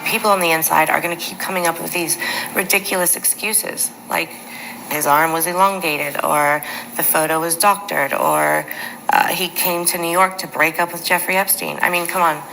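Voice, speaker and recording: Low, gravelly woman speaking bluntly. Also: steady tone, normal speed, bright, forceful tone, faint music behind, rough recording. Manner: blunt, dismissive.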